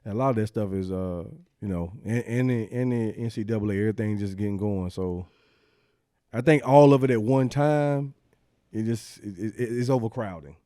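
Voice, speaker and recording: A man's voice: on the low side, moderate pace, dark tone, dry recording, studio quality. Laid-back man rambling about sports. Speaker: podcast co-host. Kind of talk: casual sports chat.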